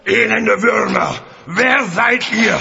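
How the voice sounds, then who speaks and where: A man's voice: high-pitched, slow, gravelly, sharp tone, exaggerated voice. A man playing an imperious, suspicious Egyptian pharaoh in an audio drama, commanding and pompous. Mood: furious, commanding. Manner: commanding, pompous, speaks in royal we. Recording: echoey, muffled band-limited recording.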